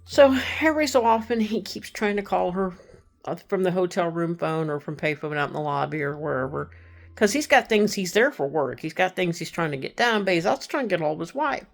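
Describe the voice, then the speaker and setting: A Texan woman recounts a true crime story in a casual, chatty way, animated and fairly quick. Her voice is a little low with a gravelly edge, and she performs the voices of the people she quotes and drops into hushed tones.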